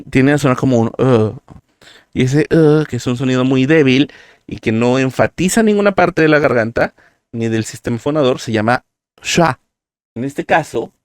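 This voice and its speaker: Patiently and step by step, a man talks through pronunciation examples during a live-streamed language lesson. His voice sits in the mid-range, and the clean studio sound has no room sound.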